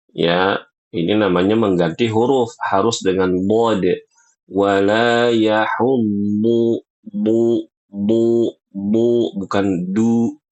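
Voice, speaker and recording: A male recitation teacher speaks in a low, measured voice. He corrects mistakes calmly and stretches each example word out carefully. His pace stays unhurried throughout. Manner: patient, corrective, models words slowly. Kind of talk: recitation lesson.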